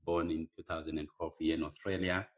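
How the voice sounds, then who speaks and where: A middle-aged man with a Zimbabwean accent, a podcast guest speaking slowly and hesitantly with many pauses. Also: very deep voice, flat delivery. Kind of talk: casual podcast interview.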